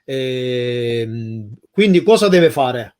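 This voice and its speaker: A man's voice: mid-range voice, animated, extremely slow, darkish tone. A man chatting casually as a co-host who puts questions to his partner. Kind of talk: casual chat.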